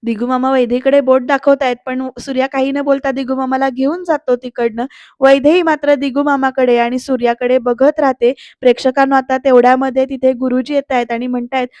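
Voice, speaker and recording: A woman's voice: sits high, little pitch movement, brisk, darkish tone, no room sound, lo-fi sound. A woman narrating a voice-over recap of a TV serial episode in a chatty way, often turning to address the viewers.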